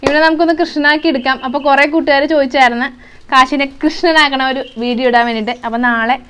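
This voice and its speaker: A woman's voice: sits high, steady tone, quick pace, bright, forceful tone. Chatty young mother vlogging at home. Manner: chatty, coaxing, switches between talking to viewers and her child. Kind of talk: casual home vlog with her toddler. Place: home indoors.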